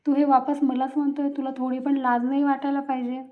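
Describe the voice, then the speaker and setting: A woman's voice: high-pitched, level tone, a little fast, close to an everyday voice. A woman voicing an angry pregnant young wife who scolds her husband, in a reproachful read-out tone. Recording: tinny phone-like sound.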